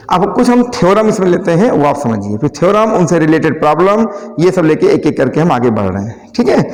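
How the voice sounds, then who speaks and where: A man teaches a math class in a lively, high-pitched voice that swings widely. He checks in with his students and slows right down to dictate English terms. The long reverb of a classroom trails behind every word. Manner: explains step by step, often checking in with listeners; dictates English terms slowly while writing.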